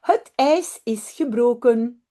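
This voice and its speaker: A woman's voice: a little high, takes it slowly, dark tone. Woman reading as a kindly, reassuring aunt.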